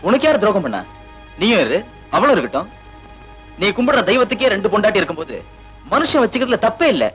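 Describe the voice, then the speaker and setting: A man's voice: high voice, sing-song, fast, fairly bright tone, rough recording. An actor playing a callous, domineering husband who brushes off his wife's grief with contempt. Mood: dismissive. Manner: contemptuous, blustering. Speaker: unfaithful husband. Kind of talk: 1980s Tamil film acting. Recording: film soundtrack with music behind.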